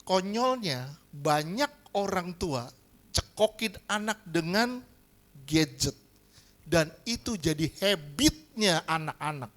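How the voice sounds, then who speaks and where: A male pastor preaching a lively sermon, often asking the congregation whether they agree. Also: on the high side, slow. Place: church hall.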